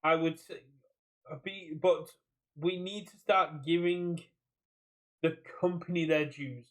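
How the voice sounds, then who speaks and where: A man's voice: fairly high pitch, steady tone, slow pace, fairly bright tone, rough recording. A British man co-hosting a casual podcast chat, rambling and repeating his phrases as he goes. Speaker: podcast co-host. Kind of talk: casual chat about a card game community.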